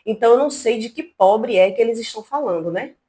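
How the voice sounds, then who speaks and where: A woman from Brazil hosting a casual commentary vlog from her home, talking in an indignant, animated, chatty way. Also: on the high side, quick pace. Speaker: channel host. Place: at home, not a studio.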